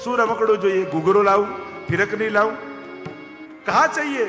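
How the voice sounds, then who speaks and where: A man's voice: high-pitched, expressive, moderate pace, pitched above the performer's own voice. A man voicing a fond, fretful mother. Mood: coaxing. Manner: coaxing motherly tone. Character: loving worried mother, gentle. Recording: echoey hall with faint music.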